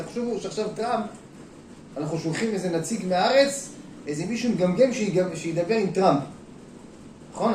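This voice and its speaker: A rabbi giving a lively sermon to an audience in a hall, shifting between talking and acting out quotes, calling out to the listeners. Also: male voice, sits high, slight background noise. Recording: echoey room, mic at a distance.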